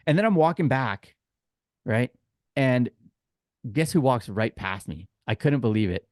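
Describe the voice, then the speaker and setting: This podcast co-host and tour guide has a mid-range, slightly mellow voice, animated yet measured in pace. The recording is dry and clean, studio-grade. He chats informally through anecdotes on a casual sports podcast, performing the quoted exchanges himself.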